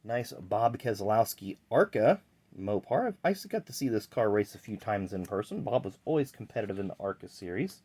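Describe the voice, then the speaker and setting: Chatty man with a low voice. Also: sing-song, moderate pace, darkish tone, husky. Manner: chatty, rambling, with fillers. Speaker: channel host. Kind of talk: casual card-collecting vlog.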